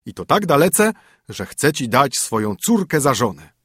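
A man voicing a proud, stern old king in a storybook reading, speaking firmly and loudly. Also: mid-range voice, very animated, normal speed, breathy edge, no room sound, studio quality, pitched above the performer's own voice. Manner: firm and commanding.

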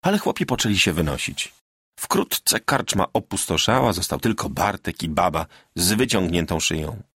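A man reading a classic story aloud in a measured, expressive narrating voice. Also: sits low, breathy edge, no echo, studio quality. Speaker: audiobook narrator. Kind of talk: scripted literary narration.

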